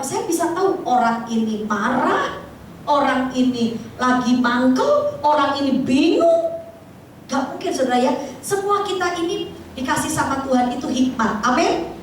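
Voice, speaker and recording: A woman pastor, preaching in a lively, chatty way and often addressing the congregation. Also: high-pitched, unhurried, long pauses, slight background noise. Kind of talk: sermon. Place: church hall. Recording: echoey hall, distant mic.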